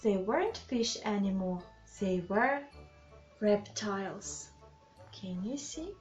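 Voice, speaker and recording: A woman with a medium-pitched voice reads a children's bedtime story aloud, slowly and deliberately, with animated phrasing and questions and asides for the young listeners. The recording is slightly dull and lo-fi, with music underneath.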